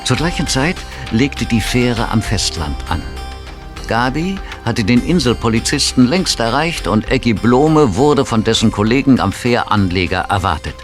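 A man's voice: medium pitch, expressive, moderate pace, over music. A man narrating a scripted audio drama as its storyteller.

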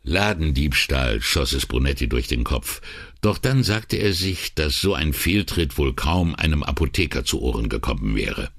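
A man narrates an audiobook with a low, husky voice and lively pitch movement. The reading is expressive, and the recording is close and dry with no room sound. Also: moderate pace, dry recording. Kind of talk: scripted narration.

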